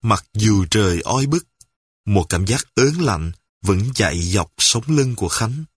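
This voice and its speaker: A man narrating a crime story in a measured, even storytelling manner. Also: on the low side, breathy edge, dry recording, studio quality. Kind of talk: audiobook narration.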